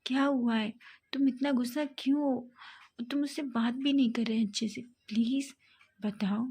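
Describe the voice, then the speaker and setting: Woman voicing a gently pleading young man. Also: a little high, steady tone, moderate pace, breathy edge. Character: caring, teasing young man, the lover.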